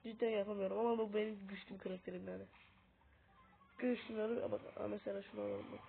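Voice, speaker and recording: A sick woman runs casual gameplay commentary, teaching a mobile game and repeatedly calling out to viewers as friends. Her medium-pitched voice is fast, lively in intonation and touched with vocal fry, picked up by a tablet's built-in mic that makes the audio tinny, lo-fi and faintly hissy.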